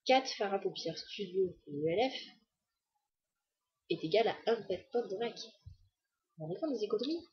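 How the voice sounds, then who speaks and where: A woman's voice: medium pitch, animated, moderate pace, long pauses, husky, dull audio. A woman chatting casually to the camera in a beauty haul video, enthusiastic and full of fillers. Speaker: beauty vlogger.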